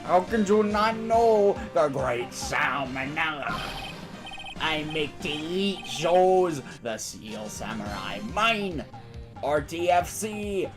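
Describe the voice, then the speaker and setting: A smug, nerdy know-it-all guy from a video game, put on by a woman reading it aloud. He drawls slowly in a low, swooping voice, dismissive and aloof, with game music playing behind. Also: expressive. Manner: slow, drawling, dismissive delivery.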